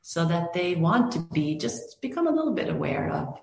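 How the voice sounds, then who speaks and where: A Norwegian film director answers interview questions thoughtfully, restarting often and using many fillers. Her voice is fairly low with vocal fry and big swings in pitch, and she speaks at a moderate pace. The room is echoey.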